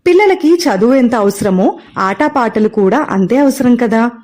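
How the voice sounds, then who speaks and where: A woman narrating a first-person audio story in a gentle, expressive way. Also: fairly high pitch, unhurried.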